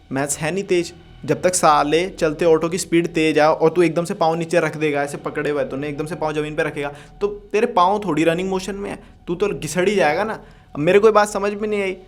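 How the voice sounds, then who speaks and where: A young man telling a storytime anecdote in a casual, joking way, swearing freely and chuckling as he goes. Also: sits high. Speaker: storytime vlogger.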